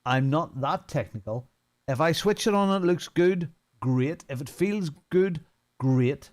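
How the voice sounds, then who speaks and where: His voice is on the high side and a little mellow, with lively intonation and an unhurried pace. He's a Northern Irish sim racing streamer and community head in his fifties, chatting informally and unscripted about his first impressions of a racing game.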